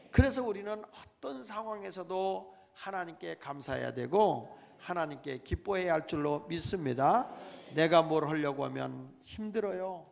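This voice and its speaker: Middle-aged man, pastor preaching in a church, fairly high voice, long reverb tail. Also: vocal fry. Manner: preaching with calls to the congregation and dramatic emphasis. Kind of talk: sermon. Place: church sanctuary.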